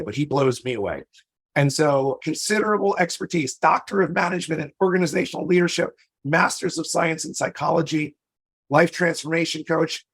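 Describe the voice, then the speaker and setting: Losing his voice, a male podcast host opens his show with upbeat, motivational energy, speaking directly to his listeners. His voice sits a little high and sounds husky, and the recording is dry.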